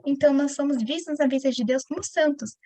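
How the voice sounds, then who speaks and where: Here a female preacher with a Brazilian Portuguese accent talks through Bible teaching quickly and animatedly, often turning directly to her audience. Her pitch is high, and there is no room sound at all.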